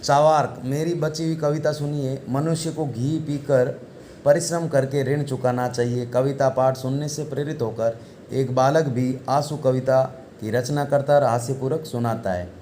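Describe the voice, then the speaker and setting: A man's voice: medium pitch, fairly even intonation, normal speed, warm tone, slight background noise. A male teacher giving an online class lesson, reading Sanskrit text aloud and explaining it in Hindi, asking the class questions and answering them himself.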